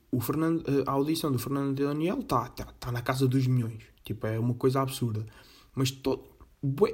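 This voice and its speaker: A man's voice: medium pitch, a little mellow. A man with a European Portuguese accent, talking casually to his audience in a mid-range voice. His speech is loose and slangy, with frequent swearing and direct calls to the viewers. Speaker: video host. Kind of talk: casual reaction commentary.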